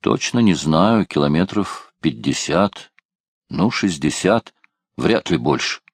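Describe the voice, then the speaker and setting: Man voicing calm male prisoner, deep, slow and even, dry close sound. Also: slightly rough, no room sound, heavily acted. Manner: calm, terse.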